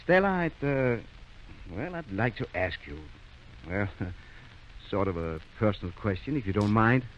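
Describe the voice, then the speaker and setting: A man's voice: on the low side, sing-song, normal speed. A kindly small-town doctor feels his way through sentences with uhs and wells. His intonation moves widely, in old radio drama style. The recording is muffled, with faint noise. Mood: hesitant, tactful. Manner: hesitant, full of uh and well. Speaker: actor in radio play.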